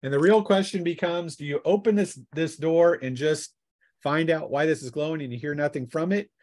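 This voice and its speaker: With a fairly high pitch and a darkish tone, a man serves as game master at a tabletop role-playing game. He casually narrates scenes and makes rulings, occasionally haltingly.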